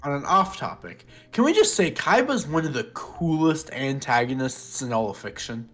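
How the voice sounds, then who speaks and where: A man in a casual podcast chat, animated and opinionated, with plenty of likes and ums. His pitch sits in an ordinary middle range. Faint music plays behind him. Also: moderate pace. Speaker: podcast co-host.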